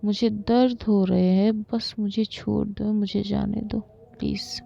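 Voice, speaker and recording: A woman putting on a frightened young woman who stammers through her pleas. The voice is husky with fry and sits on a dull, lo-fi recording. It stays slow and broken. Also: mid-range voice, little pitch movement, dark tone. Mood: desperate pleading. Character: terrified young woman begging to be let go.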